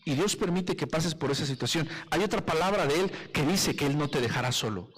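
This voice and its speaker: A man's voice: on the high side, lively intonation, brisk, fairly bright tone, breathy edge, big-room sound, low-quality recording. A man with a Mexican accent, preaching a live sermon as pastor and putting rhetorical questions to his congregation. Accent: Mexican Spanish.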